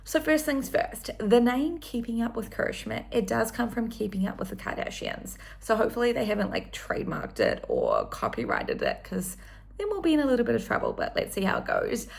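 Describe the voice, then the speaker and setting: Chatty, gravelly-voiced New Zealand woman vlogging. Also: fairly high pitch, wildly swooping pitch, fairly quick. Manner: chatty, enthusiastic, with frequent ums. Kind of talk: casual one-take vlog chat.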